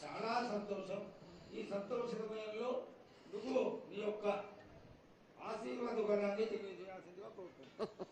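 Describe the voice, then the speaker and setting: High-voiced man pleading in heavy echo. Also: normal speed, long pauses, a crowd in the background. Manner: pleading, deferential. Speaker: devotee questioning the oracle. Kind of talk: reverent ritual petition. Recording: echoing, distant mic, faint ambient noise.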